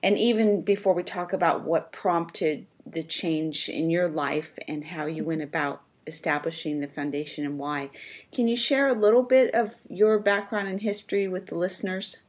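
A woman hosting an interview show, asking gentle, long winding questions. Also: on the low side, steady tone, moderate pace. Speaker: host.

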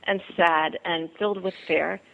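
Over the phone, a woman from the Bahamas shares her story as a guest in an interview, her fairly low voice steady in tone and touched with vocal fry. She's earnest, though she halts, fills pauses, and repeats herself.

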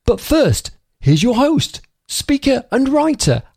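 An announcer reading a scripted show introduction in a slow, sing-song delivery. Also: mid-range voice, sing-song, creaky, a little mellow, slightly rough, no echo, studio quality.

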